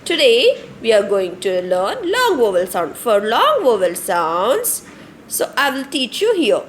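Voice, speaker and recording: A young woman with an Indian English accent teaching a phonics lesson online to small children, slow and repetitive, often asking questions and answering them herself. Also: a little high, wildly swooping pitch, slight background noise. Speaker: kindergarten teacher.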